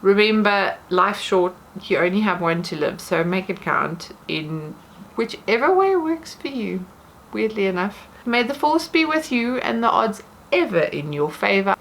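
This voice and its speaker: A woman's voice: medium pitch, sing-song, measured pace, fairly bright tone, slight background noise. A woman vlogger chatting casually to camera from her bedroom at home, rambling in a self-deprecating way.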